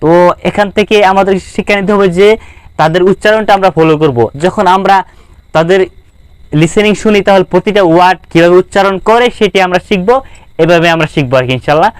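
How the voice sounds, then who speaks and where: A man's voice: high-pitched, a little fast, clear, resonant tone, no room sound. A young man with a Bangladeshi Bengali accent giving an informal spoken-English lesson, earnestly repeating and restarting his phrases as he encourages viewers. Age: young adult. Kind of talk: informal lesson talk to camera.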